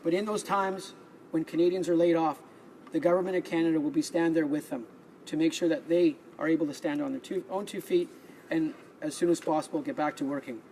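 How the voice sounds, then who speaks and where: Male MP, higher register, formal parliament speech read from notes with small stumbles, light room noise. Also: steady tone, a little fast, dark tone. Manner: reads prepared remarks, stumbling and restarting on words. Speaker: member of parliament. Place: legislative chamber.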